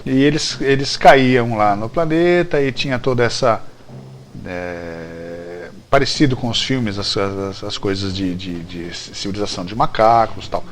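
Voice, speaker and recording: In an unhurried, lowish voice, a Brazilian man appears as a guest writer in a casual interview, animatedly recounting the behind-the-scenes story of a TV series. He repeats phrases often and keeps checking in with the listener. A little hiss or hum is audible.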